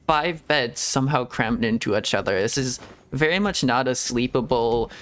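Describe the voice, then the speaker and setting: Giggling often, a man streams a game as a VTuber and rambles through casual self-talk. His mid-range voice has lively intonation, a moderate pace, and a slightly bright tone.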